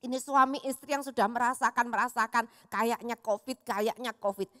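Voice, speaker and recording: A woman pastor giving a sermon in an animated, storytelling way, often calling her listeners "saudaraku" and acting out the voices in her stories. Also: a little high, brisk, dry recording, clean studio sound, in a large hall. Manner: acts out quoted voices in her telling. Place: church hall.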